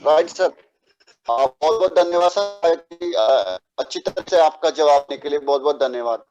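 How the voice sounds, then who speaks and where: Male moderator: courteous, high-pitched, muffled recording. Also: moderate pace, darkish tone, soft background music. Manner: polite, thankful. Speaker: host moderating the session.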